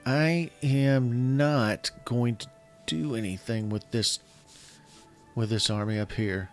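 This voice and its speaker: A gaming channel host with a mid-range voice, slightly scratchy from illness and yelling, casually comments as he plays a strategy game. He thinks aloud in halting phrases, correcting himself and restarting mid-sentence. Faint game music plays underneath.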